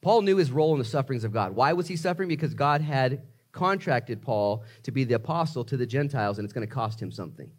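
Higher-pitched man preaching an emphatic sermon. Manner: emphatic motivational preaching, swinging from hushed asides to raised exclamations; conversational, addresses listeners directly with rhetorical questions. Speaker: pastor preaching.

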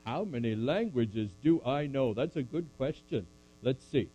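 A man's voice: medium pitch, animated, a little slow, warm tone, natural voice, low-quality recording. A man voicing a puppet of an older apostle who preaches and then answers audience questions with dry jokes. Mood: playful. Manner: preachy, dryly joking, speaks to a crowd. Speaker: puppet performer. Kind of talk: church puppet skit with scripture recitation.

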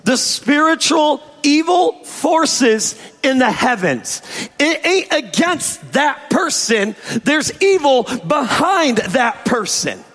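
A male pastor delivers a sermon in a very high, hoarse voice that sounds strained from a sore throat. His pace is slow and emphatic, with stretched key phrases and an informal touch. Long hall reverb surrounds him. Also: big pitch swings, a bit bright. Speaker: pastor preaching to congregation. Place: church service, amplified in a large room. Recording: echoey large hall reverb.

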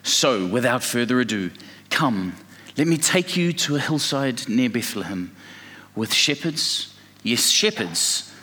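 A man voicing a gentle father telling a bedtime story, speaking slowly at a mid pitch. His voice hangs in the long reverb of a hall. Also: big pitch swings, full character voice. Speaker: narrator father in a church play.

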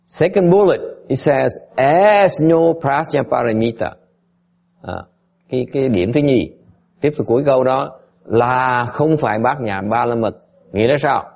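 A man's voice: mid-range voice, unhurried, a little mellow. A man, a Buddhist teacher, giving a slide-based dharma lecture, switching between English and Vietnamese and often pressing his listeners to check they understand. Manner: emphatic, often asks "is it clear?".

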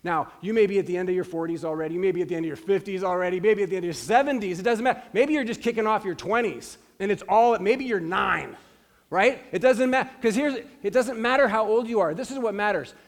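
Preaching with earnest emphasis, this man in his forties keeps coming back to his key phrases. He's a pastor giving a sermon, and his voice sits high while he talks fast.

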